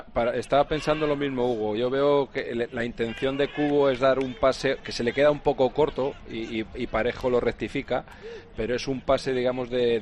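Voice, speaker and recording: A man analyses football off the cuff in a medium-pitched voice. Faint outdoor noise sits behind his words. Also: a little mellow. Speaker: football pundit. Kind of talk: unscripted live match analysis.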